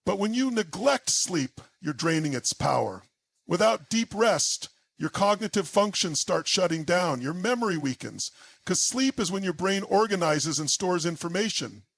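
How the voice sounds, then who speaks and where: Man, motivational speech, high gravelly voice, dry close sound, emphatic, punchy. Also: animated, moderate pace, a bit bright, no room sound. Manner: intense, emphatic, punchy short phrases. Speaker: motivational speaker.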